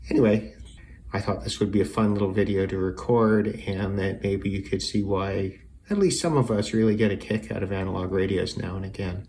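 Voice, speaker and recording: A man with a low, mellow voice talks briskly while giving an unscripted hobby demo at a desk indoors with a radio. A radio hobbyist and video maker, he thinks aloud conversationally, and the room is noisy with radio sound.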